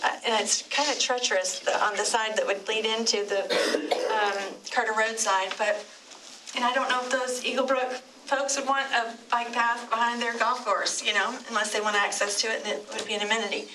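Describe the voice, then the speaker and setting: Middle-aged woman commissioner, emotional, halting and rambling, higher voice, picked up from afar in a commission chamber. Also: fairly even intonation. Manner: halting and digressive, many restarts. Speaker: city commissioner. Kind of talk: unscripted tribute speech at a public meeting. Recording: distant mic with clear room noise.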